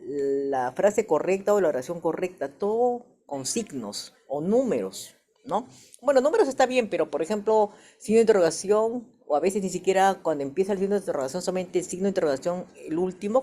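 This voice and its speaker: A woman's voice: fairly low pitch, mellow. A woman teacher agrees with a colleague during a staff workshop. She hesitates often, filling with "este" and tagging her sentences with "¿no?". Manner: hesitant, many "este" fillers and "¿no?" tags.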